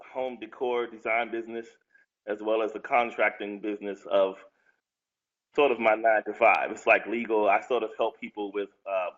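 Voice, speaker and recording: A man's voice: fairly low pitch, fairly bright tone. A man, a guest on a chat show, describing his work with a lot of hesitant fillers. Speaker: guest, musician. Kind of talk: casual interview talk. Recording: lo-fi sound.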